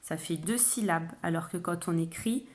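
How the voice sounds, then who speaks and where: A woman, a kindergarten teacher, calmly explaining a phonics game to parents and stretching out example words. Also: on the low side, normal speed. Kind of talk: home-schooling phonics lesson for parents.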